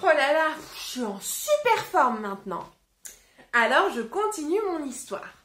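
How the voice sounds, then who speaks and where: A woman teacher reads a picture book aloud and breaks words into syllables for young children. Her high voice leaps about with lively expression, and she speaks slowly and deliberately. The room adds a noticeable echo. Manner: playful, exaggerated and deliberately slow, sounding out words. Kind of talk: interactive read-aloud lesson. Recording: roomy echo.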